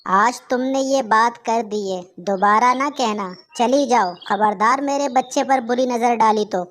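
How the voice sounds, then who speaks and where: A caring mother kite bird in a children's cartoon, voiced by a woman. She speaks gently and pleadingly in a fairly high voice. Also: unhurried, a little hiss or hum, natural voice. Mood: fierce. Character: tender ailing mother kite bird, female. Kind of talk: Hindi cartoon voice acting.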